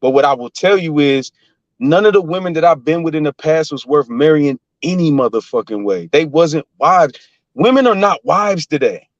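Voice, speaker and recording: A man's voice: a little high, expressive, normal speed, dry recording. Man, blunt, profane, argumentative, dry dull lo-fi call audio. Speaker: guest on a live call-in stream. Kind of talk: heated casual debate.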